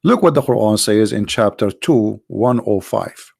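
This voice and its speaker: Gravelly, tired-voiced man lecturing. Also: on the low side, expressive, darkish tone, no room sound, studio quality. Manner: emphatic, rhetorical questions, halting restarts. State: tired, strained voice. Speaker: religious apologist. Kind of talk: lecture on scripture.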